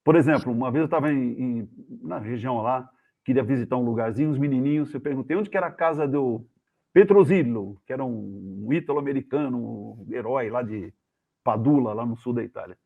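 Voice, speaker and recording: A man with a Brazilian accent, a guest journalist, telling anecdotes in a casual, animated way and acting out the voices of the people in them. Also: mid-range voice, a little fast, gravelly. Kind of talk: casual storytelling. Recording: tinny phone-like video call audio.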